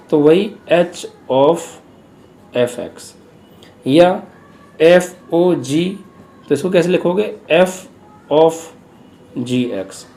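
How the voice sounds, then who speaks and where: Math teacher guy, kinda high gravelly voice, slow patient explaining, faint hum behind. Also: a little mellow. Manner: patient, repeats steps and asks rhetorical questions. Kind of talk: classroom math lesson.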